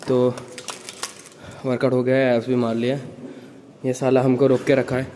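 A young adult fitness vlogger talks casually into his handheld phone camera in an indoor gym, reporting his sets and weights while a little out of breath. His voice is medium-pitched and level at a moderate pace, over loud gym music and background noise.

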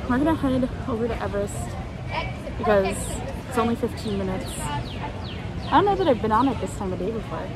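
A woman's voice: fairly high pitch, expressive, brisk, crowd noise. A woman chatting casually while vlogging outdoors at a theme park, talking through a face mask in an upbeat, rambling way. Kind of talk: casual vlog chat. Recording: outdoor street noise behind.

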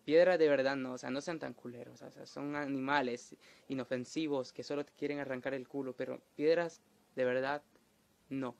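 A man's voice: mid-range voice, fairly even intonation, normal speed, creaky. A young man telling a crude, self-mocking comedic story in a casual monologue.

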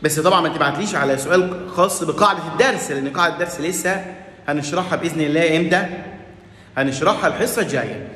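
A man's voice: on the high side, racing. A man with an Egyptian Arabic accent teaching a lesson, explaining a French text and acting out its dialogue lines. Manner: lively, acts out dialogue lines in a raised voice.

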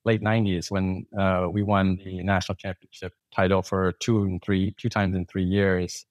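Recorded close and dry with no echo and a dull audio quality, this lowish-voiced man from Thailand, in his forties, is a podcast guest spinning long, meandering stories full of fillers and restarts. His casual interview storytelling keeps a level tone at a moderate pace.

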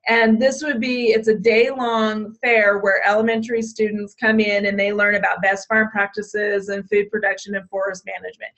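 Leading an online orientation for youth program staff, this woman, who heads a state 4-H program, talks in a mid-range, fairly bright voice. Her delivery is casual, full of ums and false starts, and she's steadily losing her voice.

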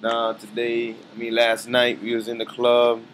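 A man's voice: mid-range voice, monotone, normal speed, a bit bright, slight background noise, rough recording. A man giving a casual, slangy vlog update from a hotel balcony, talking to a handheld camera. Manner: laid-back slangy talk, frequent "you feel me". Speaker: musician vlogging from a trip.

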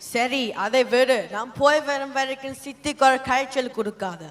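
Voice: high-pitched, steady tone, normal speed, a bit bright. A young actor doing a fussy Tamil mother. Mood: fussing. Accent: Sri Lankan Tamil. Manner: chiding, fussing. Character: nagging middle-aged mother, fussy. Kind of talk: amateur stage play.

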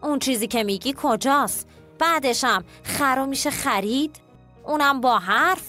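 A woman voicing a greedy male wolf in a children's cartoon story, grumbling in a low, complaining tone. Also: sharp tone, soft background music. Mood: puzzled.

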